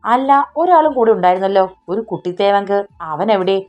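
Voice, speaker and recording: A woman's voice: medium pitch, expressive, moderate pace, a little mellow, muffled recording, faint music behind, lightly acted. A woman narrator voicing a hot-tempered young man who scolds sharply, in an audiobook romance story. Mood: exasperated.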